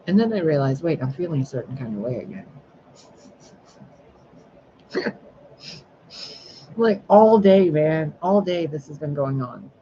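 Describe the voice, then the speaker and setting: A man's voice: fairly high pitch, lively intonation, normal speed, pauses often, dark tone. A man talking to camera in a casual vlog, rambling and swearing freely as he vents about his day. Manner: rambling, profane, venting. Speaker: spiritual sign reader. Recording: dull lo-fi recording with clear background noise.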